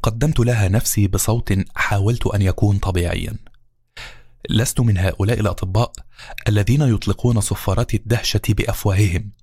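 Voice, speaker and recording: A man narrating a novel in a calm, measured storytelling voice. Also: on the low side, husky, no echo, studio quality. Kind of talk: audiobook narration. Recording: narration over background music.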